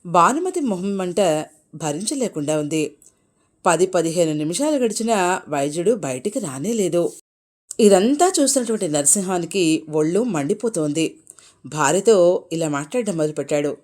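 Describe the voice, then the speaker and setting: A woman narrating a moral folk tale in an expressive, animated storytelling voice. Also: on the low side, moderate pace, long pauses.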